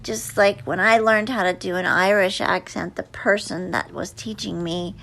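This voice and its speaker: A woman's voice: medium pitch, fairly even intonation, normal speed, vocal fry, fairly bright tone, a little hiss or hum. A woman being interviewed as an actress guest, telling stories in a rambling way with many fillers and restarts. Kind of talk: interview answers, storytelling.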